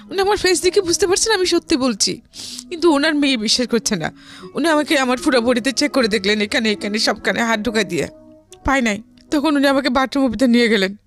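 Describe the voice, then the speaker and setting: Soft music plays beneath a high-voiced woman with a Bangladeshi accent. She is a guest in an interview, recounting something from her own life in a chatty, conversational style.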